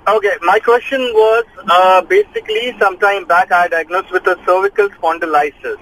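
A man's voice: high voice, normal speed, pushed and bright, a little hiss or hum. Man in his thirties on a clipped phone line. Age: 30s. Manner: hesitant, many fillers and restarts. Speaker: caller. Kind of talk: call-in question to a doctor.

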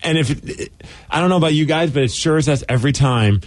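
A man's voice: a little high, quick pace. A man hosting a radio show, chatting casually and joking, reading things aloud in mock voices.

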